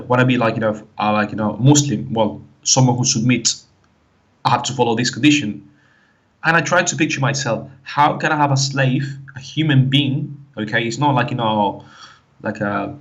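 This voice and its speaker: Calling in to tell his story, a Spanish-accented man from the Canary Islands talks informally in a mid-range voice. His testimony comes out haltingly and repetitively, packed with fillers such as "like, you know."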